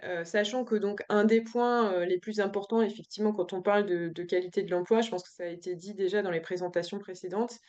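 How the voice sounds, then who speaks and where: A woman's voice: mid-range voice, steady tone, fast, hardly any pauses, a little mellow. A woman from giving an academic presentation remotely, hesitant, with many fillers and restarts. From France. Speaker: remote conference presenter, professor. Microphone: video call. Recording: dull lo-fi video call audio.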